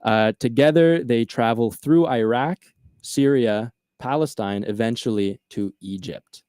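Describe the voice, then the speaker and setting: Animated man telling a story, dry sound. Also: medium pitch, unhurried, clean tone, no room sound. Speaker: podcast host. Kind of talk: casual storytelling chat.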